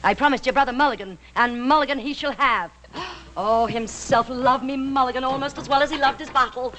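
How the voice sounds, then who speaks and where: An actress playing a feisty, proud and warm-hearted Irish frontier woman in a TV western, with outspoken, lilting, folksy speech. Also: high-pitched, brisk, lightly acted, low-quality recording. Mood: indignant. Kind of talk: 1960s TV western acting.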